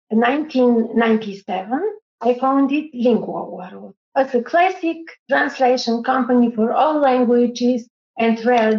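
A woman from Bulgaria with Bulgarian as her first language, a company CEO speaking on a video call panel, measured and halting in her phrasing. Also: a little high. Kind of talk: panel discussion. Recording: echoey room, dull lo-fi sound.

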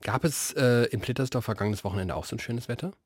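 A man's voice: mid-range voice, fast, breathy edge, no room sound. A man co-hosting a podcast in casual comedic chat, teasing his partner with dry quips. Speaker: podcast co-host.

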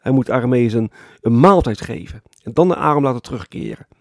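A man preaching a sermon as pastor, explaining calmly and often adding a tag word to his points. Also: mid-range voice, a little fast, no room sound, studio quality. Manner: calm explanatory preaching with frequent "hè" tags.

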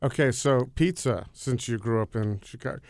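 A man's voice: medium pitch, moderate pace, darkish tone, dry recording, studio quality. A man from Connecticut hosting a food podcast, asking long rambling questions with many restarts. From Connecticut, United States. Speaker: podcast host, interviewer. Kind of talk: casual interview conversation.

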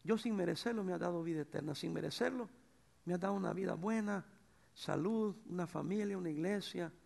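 A middle-aged man preaching a sermon as pastor, swinging between loud bursts and soft, tender passages. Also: high-pitched, brisk, vocal fry. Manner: animated preacher, swings from shouts to soft tones.

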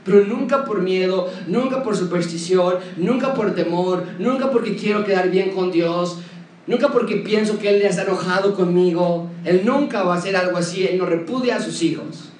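High-voiced man preaching in an echoey room. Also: moderate pace, darkish tone. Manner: direct, addresses listener with practical advice. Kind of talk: sermon. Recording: echoey, from a distance, faint noise.

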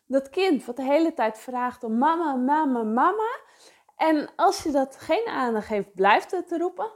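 A woman giving an unscripted motivational talk as a coach, earnest and repeating phrases for emphasis, often restarting her sentences. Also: sits high.

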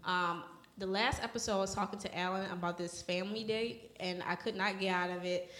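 A woman's voice: mid-range voice, fairly even intonation, fairly quick, fairly bright tone, roomy sound. A woman hosting a podcast, chatting casually in a wry, joking way. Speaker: podcast host. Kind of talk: casual chat.

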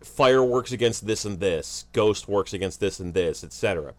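Low-voiced man, blunt casual chat. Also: animated, moderate pace, no echo. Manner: blunt, offhand, joking. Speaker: podcast co-host.

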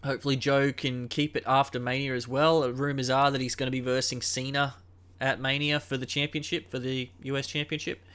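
A young man hosting a solo podcast in a casual, rambling way, full of ums and uhs and a flat, unimpressed tone. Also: medium pitch. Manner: unenthusiastic, dismissive. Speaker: podcast host.

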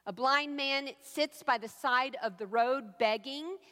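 A woman pastor preaching a sermon, telling a personal story in a slow, reflective way with soft emphatic pauses. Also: high-pitched, in a large hall.

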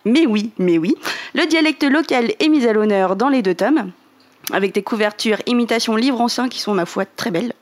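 Woman from normandy doing a podcast news bit, playful and self-mocking, fairly high voice. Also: animated, normal speed. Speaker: podcast co-host presenting a news segment. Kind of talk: casual news segment.

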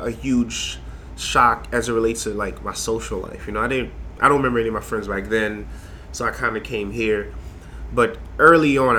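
Young guy from haiti, low-ish but bright voice, lots of um and restarts, light hiss. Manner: rambling, many fillers and restarts. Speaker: guest, design lecturer. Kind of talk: casual interview conversation.

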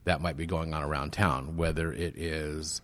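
A man with a very low voice explains things in a steady, patient way. He is recorded in a large banquet room, and a big hall echo hangs on every word. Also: moderate pace. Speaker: networking group organizer. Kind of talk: interview guest explaining at length. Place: golf course banquet room with reverb.

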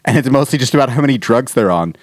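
A man's voice: medium pitch, animated, fast talker, dry recording, studio quality. A man co-hosting a podcast in casual chat, rambling and laughing as he talks, with some swearing. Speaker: podcast co-host.

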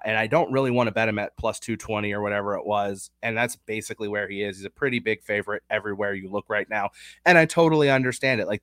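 A man's voice: on the low side, a bit bright, dry recording, studio quality. A young man hosting a casual sports betting chat, talking through stats and odds analytically. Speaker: sports betting podcast host.

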